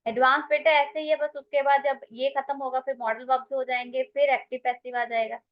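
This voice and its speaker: A woman's voice: high-pitched, level tone, brisk, muffled recording. A woman with an Indian English accent teaching English grammar in an online class, mixing Hindi and English and calling her students "beta".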